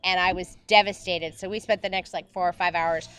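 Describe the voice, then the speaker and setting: A woman's voice: on the low side, fairly even intonation, brisk, a bit bright, clean tone, no room sound. A middle-aged woman from Florida co-hosting a casual chat, giggly and rambling with many restarts. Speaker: co-host. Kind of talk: casual chat while drinking.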